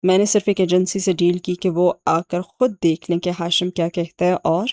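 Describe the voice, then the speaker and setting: A sardonic young man, read by a woman narrator explains himself in a dry, sarcastic way. His low voice sounds warm and mellow in a dry, close recording. It comes from a spoken audiobook. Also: steady tone, no room sound, lightly acted. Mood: wry. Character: sharp, sardonic young man, ex-agent uncle.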